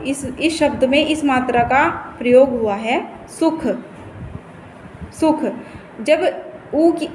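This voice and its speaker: Slow, high-voiced woman teacher. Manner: patient, repeats and stretches words, points at the board. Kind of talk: slow classroom teaching of Hindi vowel signs. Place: classroom. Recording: echoey room with faint noise.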